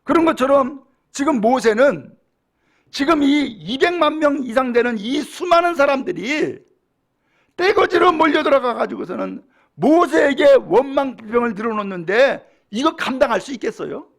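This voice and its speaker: Animated, high-pitched male preacher with gravelly edge. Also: moderate pace. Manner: animated preaching, acts out quoted speech. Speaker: pastor. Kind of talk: sermon.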